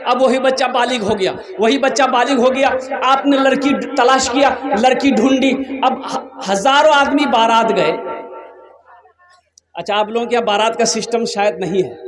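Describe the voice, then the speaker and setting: A male Islamic preacher, giving a sermon through lively storytelling and questions thrown to the crowd. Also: very high-pitched, normal speed.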